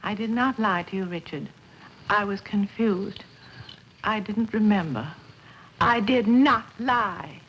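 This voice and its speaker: A woman's voice: mid-range voice, slow, fairly bright tone, lo-fi sound, a little hiss or hum. An actress playing a weary, confused middle-aged wife and mother in a 1950s television drama, talking in a distracted way. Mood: firm.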